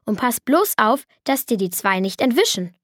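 A woman's voice: on the high side, big pitch swings, moderate pace, a bit bright, no echo. Fields: A woman voicing a grumbling, dry-humored middle-aged father in a children's audiobook. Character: gruff joking father, middle-aged man.

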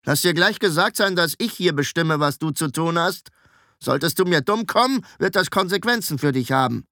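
A bulky, spiteful apprentice snaps gruff threats, as a man puts him on. His voice is pushed up and loud. Dry, close recording. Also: fairly high pitch, lively intonation, normal speed, no echo, voice pushed up. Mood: hostile. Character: hostile bulky male apprentice, bossy and spiteful.

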